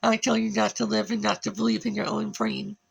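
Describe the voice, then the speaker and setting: High, gravelly man rambling. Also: little pitch movement, brisk, highs cut off. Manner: disjointed, jumps between words and lists. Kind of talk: solo rambling monologue.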